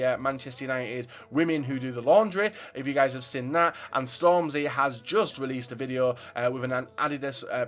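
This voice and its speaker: Young man, casual football vlog host, opinionated, filler-heavy delivery, mid-pitched voice. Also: fairly bright tone. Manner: chatty, opinionated, frequent fillers. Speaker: football transfer news vlogger. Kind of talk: casual commentary to viewers.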